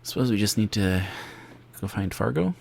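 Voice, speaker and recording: Low, creaky man doing gameplay commentary. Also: lively intonation, moderate pace, a little mellow, a little hiss or hum. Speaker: let's play host. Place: indoors, game music behind the voice.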